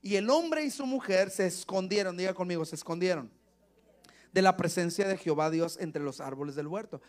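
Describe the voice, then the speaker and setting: A man's voice: sits high, expressive, fairly quick. A male pastor preaching a sermon, calling out to the congregation and acting out Bible scenes.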